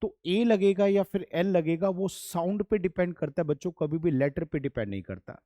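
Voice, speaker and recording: A man's voice: sits high, normal speed, warm tone, no room sound, studio quality. A man teaching English grammar, patient and repetitive, addressing students as children. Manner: patient, repeats points, calls students "beta" and "bachhon". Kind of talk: classroom lesson.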